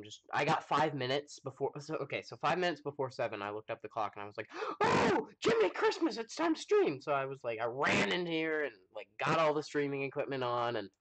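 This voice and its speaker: A man with an American accent chatting casually to viewers during a live game stream, rambling with lots of fillers and pausing to eat. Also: medium pitch, fairly bright tone. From United States. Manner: rambling, chatty, full of fillers, talks while eating. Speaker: livestreamer playing a space game.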